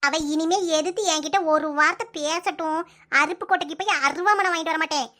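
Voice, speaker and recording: In a comic cartoon role, a woman voices a bossy, sharp-tongued mother-in-law with a Kanyakumari Tamil accent. Her extremely high, bright voice delivers threatening, rapid-fire nagging in a fast, relentless stream of scolding.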